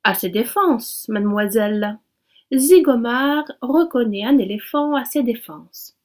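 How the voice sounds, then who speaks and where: A woman's voice: sits high, unhurried. A woman voicing a boastful, peremptory male blackbird in a storybook reading. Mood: know-it-all. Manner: excitable, peremptory, shouting exclamations.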